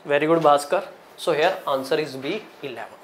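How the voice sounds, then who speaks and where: High-pitched North Indian male teacher. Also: fairly quick, a little hiss or hum, low-quality recording. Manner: instructional, short broken phrases with repetition and emphasis. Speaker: aptitude exam teacher. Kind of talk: classroom lesson, solving problems step by step. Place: indoor teaching studio in front of a digital board.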